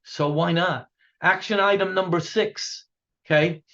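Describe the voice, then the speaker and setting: Punchy high-voiced man rallying a sales team. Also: steady tone, a little slow, gravelly, a bit bright, dull audio. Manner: punchy, repetitive, asks "okay?" a lot. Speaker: business coach. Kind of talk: motivational talk to a sales team.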